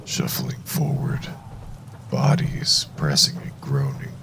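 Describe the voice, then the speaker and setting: A man narrating a first-person horror story in a hushed, deliberate, suspenseful way, with a gravelly voice. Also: very deep voice, sing-song, slight background noise.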